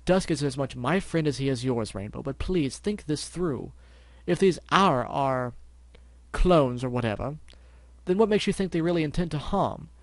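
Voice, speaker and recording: Man putting on a prim gentleman stallion. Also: fairly high pitch, expressive, moderate pace, dry recording. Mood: indignant. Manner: prim, formal, wordy. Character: pompous, gentlemanly, well-spoken male pony.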